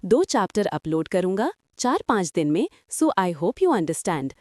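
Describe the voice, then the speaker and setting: A woman's voice: on the low side, very animated, unhurried, a little mellow, no echo, clean studio sound. A woman giving viewers an apologetic channel update in an explaining tone. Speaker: channel host.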